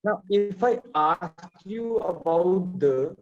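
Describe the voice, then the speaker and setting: A man's voice: sits high, expressive, takes it slowly, darkish tone. A man tutoring maths over a video call, explaining step by step and checking in often, while his voice breaks up over a bad connection. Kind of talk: online one-on-one tutoring. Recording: dull, choppy call audio.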